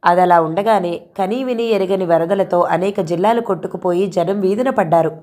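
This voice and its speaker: A woman voicing a calm, thoughtful young woman who reasons with her upset friend. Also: fairly low pitch, normal speed, lightly acted. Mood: reasoning. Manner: reflective, reasoning.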